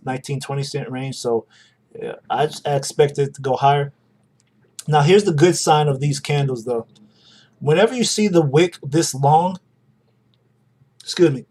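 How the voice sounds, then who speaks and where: A man's voice: on the high side, a little mellow. A young adult man hosting a live stream, talking casually through charts and greeting viewers by name. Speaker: livestream host.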